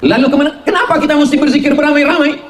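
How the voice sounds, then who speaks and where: A middle-aged man giving a humorous sermon to a congregation, animated and full of mimicry. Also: racing, slight background noise. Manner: animated, mimics voices for jokes, shifts between high and low pitch. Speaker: Islamic preacher.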